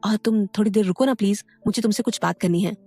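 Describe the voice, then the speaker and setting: A woman's voice: medium pitch, fast talker, a little mellow, slightly rough, faint music behind. A woman voicing a cocky young male college athlete in an audio story, talking in a teasing, offhand way.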